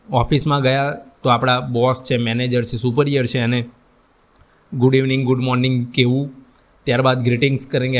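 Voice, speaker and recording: A man giving a lecture on employability skills, addressing his students directly and mixing English terms into his explanations. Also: medium pitch. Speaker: vocational instructor. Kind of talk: classroom lecture.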